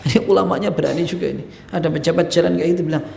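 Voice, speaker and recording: A male religious teacher giving a mosque study lecture, lively and acting out the dialogue he quotes. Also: on the high side, very fast, creaky, a little hiss or hum. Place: mosque hall. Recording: echoey mosque hall.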